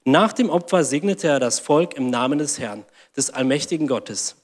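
A man's voice: a little high, expressive, normal speed, long reverb tail. A man preaching a sermon, reading scripture aloud and acting out mocking inner voices.

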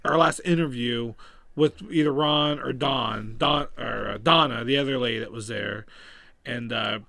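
A man's voice: mid-range voice, moderate pace, creaky, sharp tone, no echo. A young man casually telling a rambling story, laughing often and acting out what people said. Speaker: podcast co-host telling a story. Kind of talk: casual chat.

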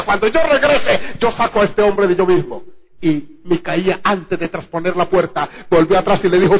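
Fervent high-voiced male preacher, lo-fi. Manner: fervent, swings between loud exclamations and low murmurs. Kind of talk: sermon. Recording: dull lo-fi sermon recording.

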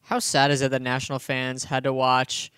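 A man's voice: mid-range voice, monotone, bright, forceful tone, smooth, no room sound, clean studio sound. A man co-hosting a casual sports podcast, talking eagerly and reading statistics aloud. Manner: quick, enthusiastic, reads stats aloud. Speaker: podcast co-host.

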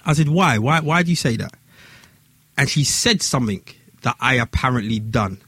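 A man's voice: medium pitch, animated, moderate pace, sharp tone, breathy edge, no echo. A man with an urban London street accent telling a story in casual, slang-heavy talk, repeating phrases for emphasis.

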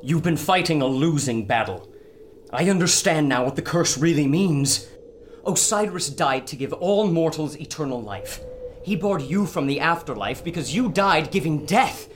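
A man's voice: a little high, animated, moderate pace, a little hiss or hum, close to an everyday voice. A man playing an earnest scholar hero. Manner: earnest, reasoning. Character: learned male scholar, thoughtful, calm under pressure. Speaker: scholar doctor. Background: music.

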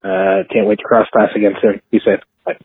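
A man from Canada leaving an earnest, halting voicemail over a landline phone. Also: fairly low pitch, level tone, slightly rough. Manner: earnest, halting, searching for words. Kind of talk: casual spoken message. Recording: tinny phone-line voicemail.

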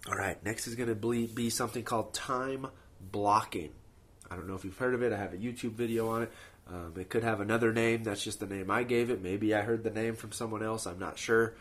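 A productivity podcast host talks off the cuff in a casual monologue, offering practical, motivational advice and checking in often with rhetorical questions. His voice is lowish and fairly even in intonation, and he speaks fairly quickly.

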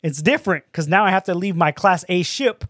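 A man's voice: high voice, fairly quick, fairly bright tone, no room sound, studio quality. A man chatting casually as a gaming podcast co-host, talking like a frat bro with plenty of bro, dude and blunt swearing. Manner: frat-bro slang, calls people bro and dude; profane, blunt.

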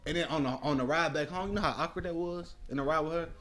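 Animated storytelling man, loud music behind. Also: on the high side, quick pace. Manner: animated, profane, acts out quotes in voices; says "bro" often. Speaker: podcast co-host. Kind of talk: casual storytelling chat.

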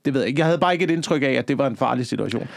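A man's voice: mid-range voice, gravelly, dry recording, studio quality. A man co-hosting a casual podcast, rambling through stories with a lot of casual swearing. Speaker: podcast co-host.

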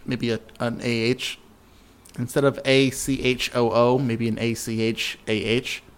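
A man's voice: mid-range voice, little pitch movement, measured pace, clear, resonant tone. A man co-hosting a podcast in casual chat, teasing his partner with dry, mock-serious remarks. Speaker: podcast co-host.

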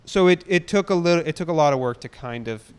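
A man's voice: a little high, lively intonation, fast, clear, resonant tone. A man who is a guest on the chat, talking casually as the groom in a reflective, hesitant way.

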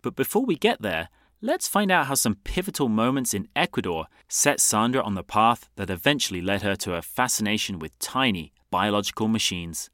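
A man's voice: on the low side, very animated, normal speed, a bit bright, no room sound, clean studio sound. A man hosting a science podcast, reading a polished introduction and asking questions. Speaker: podcast host. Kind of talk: scripted introduction and interview.

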